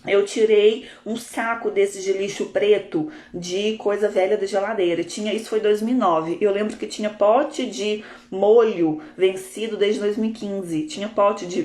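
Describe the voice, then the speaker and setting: A Brazilian woman, a coach, telling a story in a live session in a lively, expressive way. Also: mid-range voice. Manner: animated, expressive, laughs often. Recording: roomy echo.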